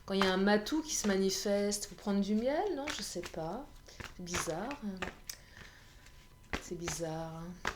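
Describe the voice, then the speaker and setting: A woman with a hoarse voice giving a chatty card reading for viewers, often laughing at herself and clearing her throat. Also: medium pitch, unhurried, pauses often, heavy background noise. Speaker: tarot card reader. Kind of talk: card reading guidance video.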